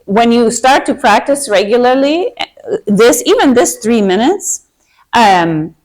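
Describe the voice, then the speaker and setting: A woman's voice: fairly high pitch, big pitch swings, takes it slowly, a little mellow. A woman in her fifties from Minnesota with a Minnesota accent, hosting a casual group talk about anxiety and speaking earnestly in long rambling runs full of restarts. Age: 50s. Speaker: anxiety workshop host.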